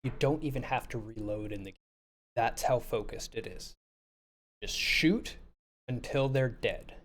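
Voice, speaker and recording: A man's voice: medium pitch, measured pace, fairly bright tone, a little hiss or hum. A man on a live game review panel, talking casually, laughing often and repeating words as he starts sentences.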